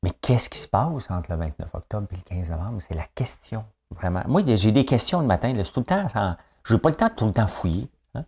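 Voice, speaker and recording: A Québécois man talks through the day's news on his own, chatty and loose, tossing in little tag questions and exclamations. His voice sits low, with a dark, mellow warmth. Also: very animated, a little fast, hardly any pauses, slightly rough. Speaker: morning news commentator. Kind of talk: casual solo commentary.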